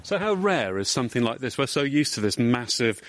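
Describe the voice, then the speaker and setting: A man presenting and interviewing outdoors, asking brisk, curious questions. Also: mid-range voice, very animated, a bit bright. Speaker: local radio presenter. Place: outdoors on a hillside street.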